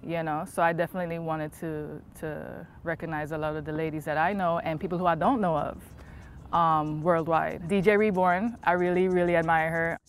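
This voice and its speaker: A woman's voice: low-pitched, steady tone, normal speed, a little hiss or hum. A woman, a DJ speaking in an easygoing documentary interview outdoors in a park, often saying "you know" and "um". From Trinidad.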